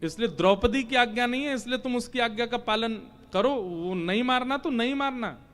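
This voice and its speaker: A man's voice: very high voice, normal speed, fairly bright tone, pitched above the performer's own voice. A man voicing a playful divine god who teases and coaxes a warrior. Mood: coaxing.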